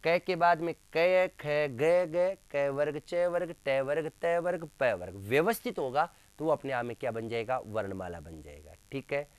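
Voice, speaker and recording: A man's voice: fairly high pitch, unhurried, hardly any pauses, clear, resonant tone, no echo. A male teacher giving a classroom lecture, asking questions and answering them himself, repeating key terms with emphasis. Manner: addresses listeners as friends, emphatic.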